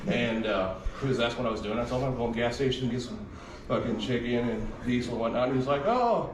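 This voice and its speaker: A man tells a rambling, profane story and acts out the lines of the people in it. His voice sits at an ordinary pitch. It sounds far from the mic, with room echo and steady background noise. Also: fast. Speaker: man recounting a police visit. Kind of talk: casual storytelling to camera. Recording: roomy, distant, noisy video clip.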